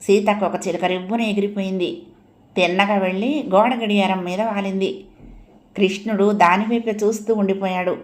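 A woman reading a story aloud in a gentle, unhurried storytelling manner. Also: medium pitch, fairly even intonation. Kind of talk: audiobook story narration.

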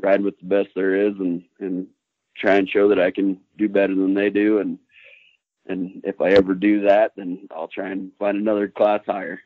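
A man's voice: low-pitched, flat delivery, normal speed, no room sound. A young adult man, a backcountry snowmobile rider, talking earnestly as a podcast guest. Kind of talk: casual podcast interview. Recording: thin phone-like line, dry.

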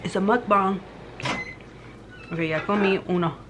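A young woman with a medium-pitched, steady voice chats casually at a family dinner for a mukbang vlog, giggling and switching between English and Spanish. She speaks at a moderate pace, with background noise audible.

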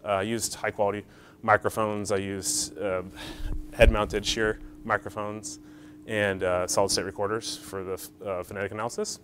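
A man's voice: on the low side, little pitch movement, moderate pace, a bit bright, slight background noise. A man giving an academic conference talk, explaining step by step with frequent fillers and questions to the audience, in a lecture hall. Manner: explains step by step, checks in with "right?" and "okay?".

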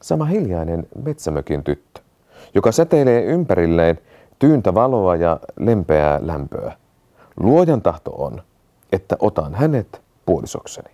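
Impatient fairy-tale prince, read by a man, eager and loud, lively swooping lilt. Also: on the high side, pauses often, no echo, highs cut off, pitched above the performer's own voice. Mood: awed hush. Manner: eager, calling out loudly. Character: impatient young prince calling out. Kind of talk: storybook reading.

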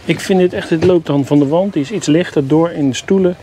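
Walking through a motorhome at a product show, this vlogger reviews the camper in a warm, higher-pitched voice at a somewhat quick pace. He's chatty and enthusiastic but grumbles a little, and the camera audio is noisy.

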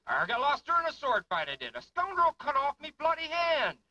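A peg-legged old pirate voiced by a man spins his tall tales in salty, folksy talk. His voice rides high and bright, bouncing around with plenty of lift. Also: sing-song, moderate pace, muffled recording, heavily acted. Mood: spinning yarns.

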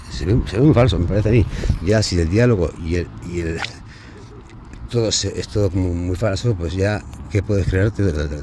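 A man telling his side of a breakup into a phone camera, unscripted and halting, restarting words and growing more pleading. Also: deep voice, noisy background. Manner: aggrieved, rising and pleading as he goes. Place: outdoors, near a train line.

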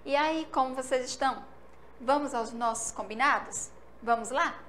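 A Brazilian woman teacher with a Sergipe accent, giving a remote lesson to young children and drilling syllables in a slow, sing-song way from a school studio. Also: high-pitched, a bit bright, a little hiss or hum. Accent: Brazilian Portuguese, Sergipe.

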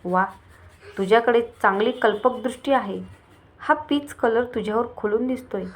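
Woman reading as a calm, easygoing male stylist. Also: on the high side, moderate pace, lightly acted. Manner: calm, soothing.

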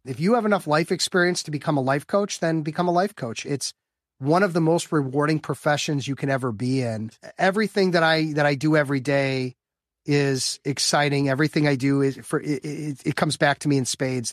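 A Chicago-area man in his fifties, a business development coach for lawyers, answers interview questions as a guest, enthusiastic and upbeat, often repeating words as he builds a point. His fairly high voice moves briskly, recorded in studio quality with no echo.

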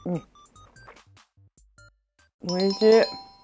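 A woman's voice: medium pitch, very slow, faint music behind. Woman talking with a mouth full. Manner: relaxed, chatty, with soft fillers. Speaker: food vlogger. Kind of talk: casual cooking chat while eating. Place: home kitchen or dining room.

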